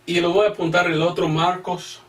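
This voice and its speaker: High-voiced man preaching from afar. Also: little pitch movement, fairly quick, fairly bright tone, far from the mic. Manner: reads scripture references aloud, repeats phrases, emphatic rhetorical questions. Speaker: evangelist missionary preacher. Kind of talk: Bible-teaching sermon.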